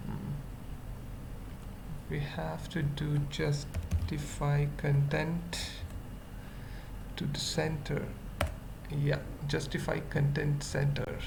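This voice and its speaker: A web development tutorial presenter gives an unscripted coding screencast, speaking very slowly in halting short fragments as if thinking aloud. His medium-pitched voice is level with heavy vocal fry. The noisy mic picks up clear background noise and computer keyboard typing.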